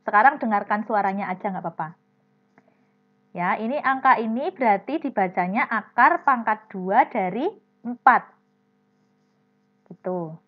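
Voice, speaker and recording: A woman of medium pitch teaches young pupils online, going step by step and naming students as she calls on them. Her intonation is lively, her pace a little slow with frequent pauses, and the video call audio sounds dull and lo-fi.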